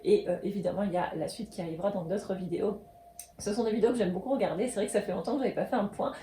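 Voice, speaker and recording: Mellow-voiced woman gushing with hesitant fillers. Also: medium pitch, rapid-fire, slight background noise. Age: 30s. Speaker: coloring book vlogger. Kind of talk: casual show-and-tell chat.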